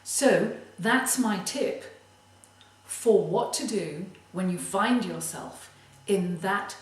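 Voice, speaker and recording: A woman giving a motivational tip as a creativity coach, speaking in a deliberate, emphatic way. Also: on the low side. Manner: slow, deliberate, emphatic delivery. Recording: very echoey room, distant mic.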